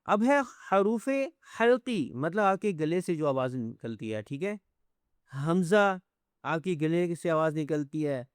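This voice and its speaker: High, smooth-voiced male teacher. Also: lively intonation, few pauses, no echo, clean studio sound. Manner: patient, repeats each letter, checks in constantly. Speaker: Quran teacher. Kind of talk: step-by-step pronunciation lesson.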